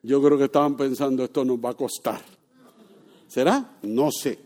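A pastor preaching a sermon built on personal stories. He talks casually and asks the congregation questions, then turns loud and emphatic when he drives his point home. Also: medium pitch, steady tone, normal speed.

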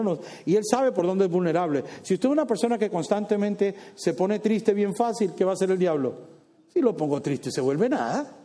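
A man preaching a sermon, animated and playful, teasing the congregation with asides. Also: sits high.

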